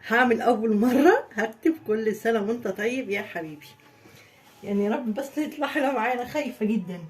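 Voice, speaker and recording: A woman's voice: fairly high pitch, lively intonation, quick pace. Chatty Egyptian woman decorating a cake. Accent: Egyptian Arabic. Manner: chatty, talks viewers through each step. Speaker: home baking vlogger. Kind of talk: casual cake-decorating tutorial.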